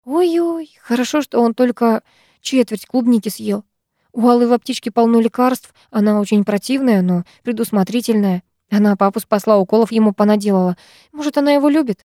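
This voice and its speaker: A woman's voice: fairly high pitch, dark tone, dry recording, clean studio sound, natural voice. A woman narrator voicing a distraught young woman who pleads and sobs in frantic outbursts. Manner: rushed, pleading, sobbing outbursts.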